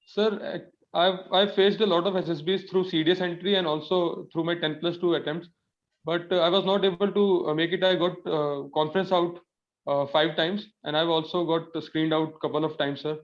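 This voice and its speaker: A young Indian man with a slightly high voice answers formally as an interview candidate. He sounds nervous and halting, deferring politely to the panel. The recording is dull and lo-fi. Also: fairly even intonation. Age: young adult. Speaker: civil service candidate in a mock interview. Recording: dull lo-fi audio.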